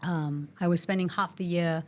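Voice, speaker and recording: A woman's voice: on the low side, fairly even intonation, normal speed, darkish tone. A middle-aged woman from Malaysia, a nervous system coach, telling her life story reflectively as a guest in a casual interview.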